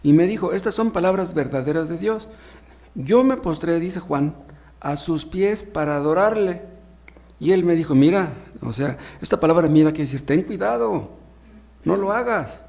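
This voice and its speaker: A man's voice: a little high, animated, normal speed, gravelly, darkish tone. A man preaching a sermon, reading Bible passages aloud and explaining them in plain words with rhetorical questions. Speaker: pastor.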